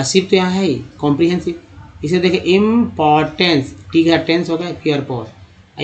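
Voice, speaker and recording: A man teaching a spoken lesson over slides. He explains step by step, repeats words slowly and calls his viewers friends. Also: a little high. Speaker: English teacher.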